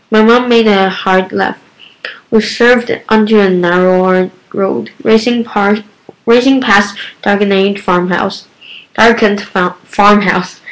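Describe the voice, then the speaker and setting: A woman's voice: medium pitch, poor audio. A woman reading a novel aloud in first person, often tripping over words and correcting herself. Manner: stumbling, self-correcting amateur reading.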